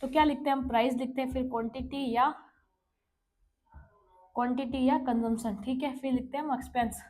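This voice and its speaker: A woman teaching an exam-prep maths lesson, working through problems step by step, often checking in with "okay" and reading English questions out slowly. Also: high voice, fairly even intonation, darkish tone. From India. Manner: explains step by step, checking with "ठीक है".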